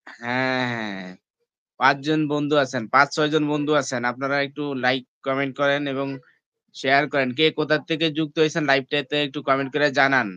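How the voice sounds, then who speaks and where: A man's voice: mid-range voice, little pitch movement, fairly quick, sharp tone, clear, resonant tone, no echo, lo-fi sound. A man, streaming live from home on a phone and chatting casually with his viewers, asking them again and again to comment and like. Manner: repeatedly asks viewers to comment and like; calls viewers "brother" and "friends". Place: indoors, at home.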